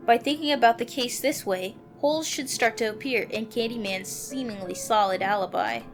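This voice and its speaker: Her pitch fairly high and her pace moderate, a woman performs a visual novel, alternating narration with character dialogue. Background music runs underneath.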